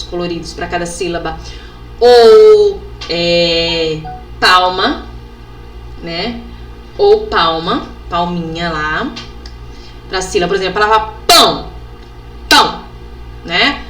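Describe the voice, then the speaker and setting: A woman from Brazil, an educational psychologist giving a workshop, sounding out letters and syllables slowly and ending phrases with tag questions. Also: on the low side, a bit bright. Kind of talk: instructional workshop talk. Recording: echoey room with faint background noise.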